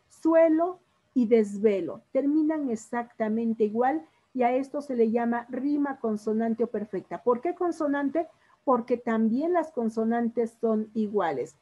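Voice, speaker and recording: A woman with a high, dark-toned voice leads a literature class on poetry, stretching out syllables as she patiently questions her students. The classroom recording is dull and lo-fi.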